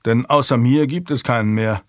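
A man voicing a courteous young earl in an audiobook, gallant and gently teasing. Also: medium pitch, moderate pace, no echo, clean studio sound, lightly acted. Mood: courtly.

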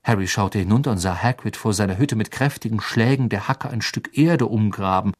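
Man calmly reading an audiobook. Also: lowish voice, fairly quick. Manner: calm, even storytelling. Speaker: audiobook narrator. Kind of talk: scripted audiobook narration.

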